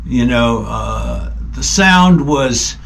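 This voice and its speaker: A middle-aged man, a band member, chatting casually in a relaxed way with frequent pauses and ums. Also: medium pitch, a little hiss or hum. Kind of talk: casual conversation.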